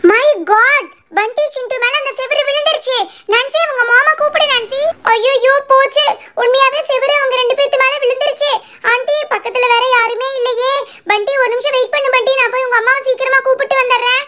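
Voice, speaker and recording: A woman voicing an excitable young girl who scolds and raises the alarm in a doll video. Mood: panicked. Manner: fast, shrill, excitable.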